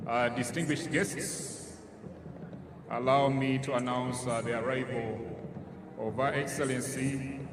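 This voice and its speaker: A man with a Ugandan accent formally announcing at an official ceremony, speaking deliberately and haltingly over a public address system. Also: mid-range voice, fairly even intonation. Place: large outdoor ceremonial grounds. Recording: echoey outdoor PA, noisy ambience.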